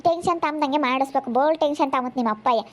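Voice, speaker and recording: A woman chatting in a family vlog, brisk and reassuring. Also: high voice. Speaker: family vlogger. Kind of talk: casual family chat.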